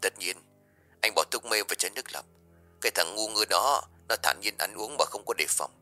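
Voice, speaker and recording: A man voicing a scheming young man who talks in a fast, sharp, dismissive way. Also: lowish voice, soft background music. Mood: smug.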